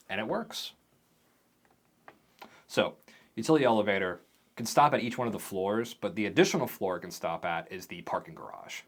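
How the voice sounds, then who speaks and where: A man running a tabletop game as game master, narrating the scenes in a vivid, animated way. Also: on the low side.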